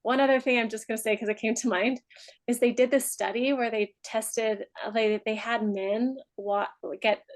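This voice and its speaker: A woman's voice: fairly high pitch, steady tone, rough recording. A woman leading a group coaching session, chatting freely with frequent laughs. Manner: chatty, laughs often, trails into soft slow meditation voice. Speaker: mastermind group leader. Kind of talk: coaching talk and guided meditation.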